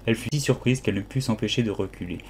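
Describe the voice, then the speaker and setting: A man reading an audiobook aloud in a calm storytelling manner. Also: lowish voice, very fast, slight background noise. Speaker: audiobook reader. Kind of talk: audiobook narration.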